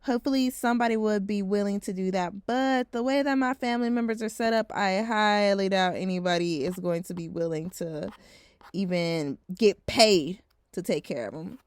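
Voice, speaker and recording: A woman's voice: mid-range voice, moderate pace, a little mellow, no room sound. A woman around twenty, talking frankly in a casual vlog, swearing now and then and saying "like" a lot. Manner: heavy use of filler "like". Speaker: vlogger.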